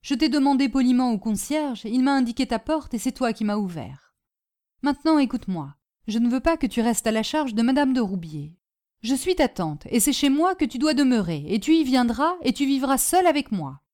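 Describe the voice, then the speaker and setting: A domineering old aunt snaps out orders and mockery, voiced by a woman reading a storybook. Her voice sits high and pushes loud. She sounds scornful and sure of her own power. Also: big pitch swings, brisk. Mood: stern. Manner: sharp, mocking, commanding. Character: domineering stubborn older aunt, scornful and scolding.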